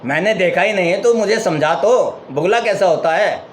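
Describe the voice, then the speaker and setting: A man voicing a stubborn blind man who keeps shouting questions in a spoken parable. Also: high-pitched, expressive, moderate pace, slight background noise. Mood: insistent. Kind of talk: storytelling parable.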